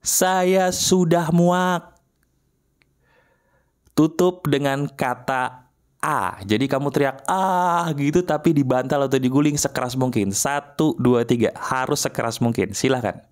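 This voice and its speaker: A man giving a motivational coaching talk, coaxing listeners and checking again and again that they are ready. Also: moderate pace. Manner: lively, swinging pitch. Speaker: motivational speaker.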